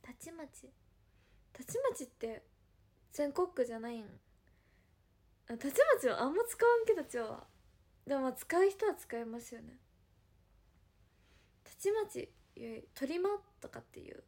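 This young woman from Hiroshima, Japan, speaks in the local dialect with a high, very animated and slightly mellow voice. As an idol on a livestream, she answers viewer comments chattily, giggling and drifting into drawn-out musings.

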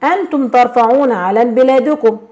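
A woman with an Egyptian accent teaching a grammar lesson, constantly checking in with questions and slowing down to stress example words. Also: a little high, dark tone. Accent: Egyptian Arabic. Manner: slows and stresses words when reading examples.

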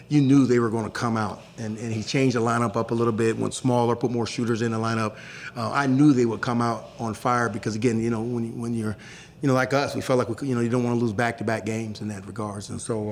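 A man's voice: medium pitch, slight background noise. A middle-aged man, a head basketball coach, talking candidly and emphatically at a postgame press conference, often restarting his sentences, into a table mic in a press room. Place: press room in front of a sponsor backdrop.

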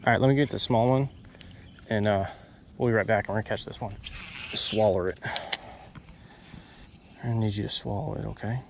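Excitable man fishing by a pond. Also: lowish voice, moderate pace, gravelly, pauses often. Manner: excitable, talks to the fish and viewers. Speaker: fishing vlogger. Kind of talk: casual narration while fishing. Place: outdoors at a pond bank. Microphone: head-mounted action camera. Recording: outdoor camera mic with nature noise.

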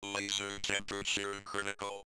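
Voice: deep voice, normal speed, over music. A synthesized robotic voice acting as a spaceship computer, announcing alerts in clipped, evenly spaced words. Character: flat computerized spaceship warning voice. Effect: robotic speech-chip voice, stiff and monotone. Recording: old arcade audio with steady hum.

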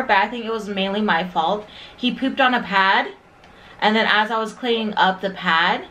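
Young woman, casual vlog chat, chatty, mid-pitched, sometimes cooing. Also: a bit bright, a little hiss or hum. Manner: chatty, with baby-talk to the dog. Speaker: vlogger introducing her new puppy.

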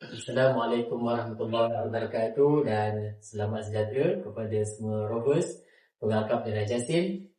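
Middle-aged Malaysian man being interviewed at home, chatty and halting, miked from afar in a reverberant room. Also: mid-range voice, warm tone. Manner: hesitant, many fillers, laughs while telling stories. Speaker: district scout commissioner and religious teacher. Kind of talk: casual interview storytelling. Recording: echoey room, recorded from a distance.

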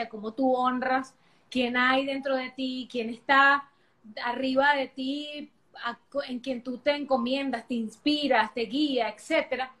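A woman guest talking loudly and energetically on a live video chat, projecting her voice the way she does when teaching. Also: sits high. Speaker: sexologist guest. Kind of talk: casual live-stream chat.

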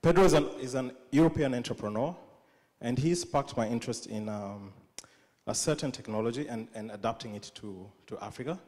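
A man's voice: mid-range voice, fairly quick, a little mellow. A young man with a Kenyan accent giving a live conference talk on a stage with a handheld mic, humorous and self-deprecating, often restarting his sentences. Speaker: conference speaker. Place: large dark auditorium stage. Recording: long reverb of a hall.

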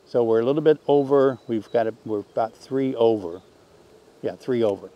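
Older male beekeeping teacher, folksy, thinks aloud, mid-pitched, outdoor demo with bees buzzing. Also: normal speed, muffled recording. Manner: relaxed, folksy, thinks aloud while working. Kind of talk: hands-on outdoor demonstration. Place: outdoors in an orchard beside beehives.

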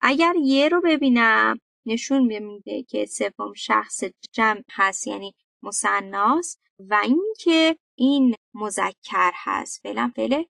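A woman with a Persian accent teaching Arabic verb conjugations in an online lesson. She talks to her students directly, with lively emphasis, and recites verb forms in sequence. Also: fairly high pitch, creaky, no echo, clean studio sound, far from the mic.

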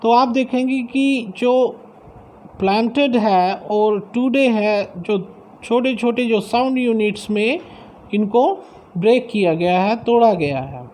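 A woman teacher explaining a lesson, slow and deliberate, drawing out words as she reads them aloud. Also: on the high side, warm tone.

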